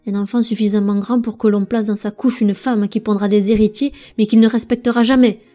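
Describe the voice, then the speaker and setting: A woman's voice: medium pitch, fairly even intonation, moderate pace, warm tone, soft background music, close to an everyday voice. A woman voicing a proud young prince who speaks up in indignant outbursts, in a storybook reading. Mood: bitter. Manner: indignant, raised voice.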